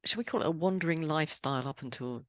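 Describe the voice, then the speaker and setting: English woman, podcast host, low voice, dry close sound, chatty and brisk. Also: a bit bright, dry recording. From England. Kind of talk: podcast talk and interview.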